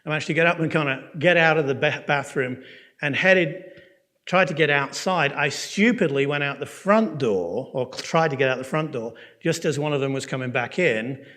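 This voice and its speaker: A man with an English accent teaching a Bible course. He tells a personal story in a conversational way, checks in with his listeners and speeds up and slows down as he goes. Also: on the high side, fairly bright tone. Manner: frequent fillers and restarts, pace swinging quick and slow. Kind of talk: lecture with personal testimony.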